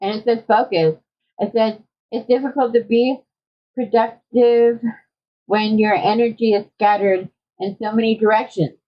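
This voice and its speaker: A woman reading tarot cards for her viewers in a casual, conversational way, often checking in with a quick "okay?". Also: on the high side, fairly even intonation, slight background noise. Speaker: tarot card reader. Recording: dull lo-fi audio.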